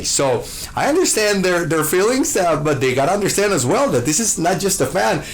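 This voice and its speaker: A show host from Costa Rica answers interview questions with gushing enthusiasm in a fairly high-pitched voice, his speech full of fillers and restarts.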